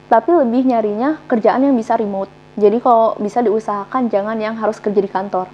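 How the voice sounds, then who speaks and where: A woman's voice: on the high side, steady tone, a little fast, dark tone. A young woman chatting as a guest, easygoing and full of fillers, with muffled sound. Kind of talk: casual chat. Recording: dull muffled sound, faint hum.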